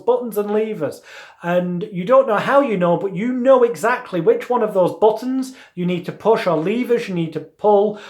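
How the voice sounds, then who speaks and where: A man giving an instructional lesson as a hypnotism teacher, with deliberate, emphatic phrasing and repeated lists. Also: high-pitched. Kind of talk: instructional lesson with demonstrated patter. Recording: roomy, echoey sound.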